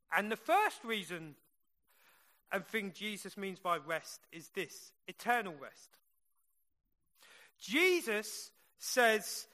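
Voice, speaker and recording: Male preacher, strikingly high-pitched and forceful, chatty sermon delivery, can't pronounce R, says it like W. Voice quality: cannot say R's, which sound like W. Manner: emphatic, with repeated phrases and rhetorical questions. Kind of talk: sermon with plain, chatty asides.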